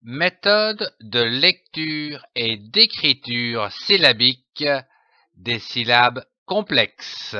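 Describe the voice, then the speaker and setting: A man teaching a recorded phonics lesson as a reading teacher, spelling out letters and syllables slowly and deliberately. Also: a little high, pushed and bright, no echo, clean studio sound.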